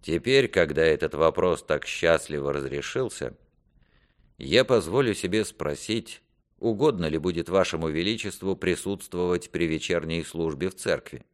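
A man voicing an ambitious, scheming duke who speaks in measured, courtly phrases. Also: sits low, expressive. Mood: calculating. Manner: measured, smooth courtly speech. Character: scheming ambitious middle-aged male duke.

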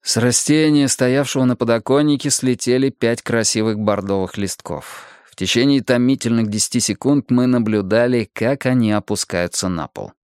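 A man reading a first-person audiobook in a measured, expressive way. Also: medium pitch, clear, resonant tone, no echo, studio quality. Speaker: audiobook narrator.

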